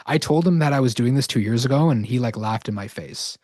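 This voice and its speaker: Man, live sales pitch, slightly hoarse, repeats "right?", dry room. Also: a little fast, darkish tone, no echo. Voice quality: verbal tic, repeating "right?". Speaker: online course host.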